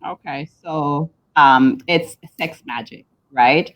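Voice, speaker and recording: A woman's voice: sits low, takes it slowly. A woman with a Jamaican accent, a guest coach talking casually in an interview with frequent ums. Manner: relaxed, chatty, frequent ums. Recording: dull lo-fi sound.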